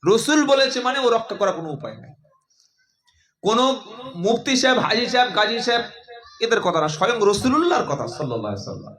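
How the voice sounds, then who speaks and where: A man preaching a sermon to a crowd, lively and calling on listeners to answer back. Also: high-pitched, brisk, long pauses, rough recording. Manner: lively, addressing the crowd and asking them to respond.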